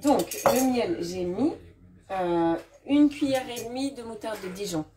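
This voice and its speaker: Cooking live from her home kitchen, this woman speaks on the high side with lively intonation, a measured pace, and a mellow sound. She chats loosely with viewers, replying to comments amid many fillers and restarts. A distant mic catches kitchen clatter and the clink of dishes and utensils.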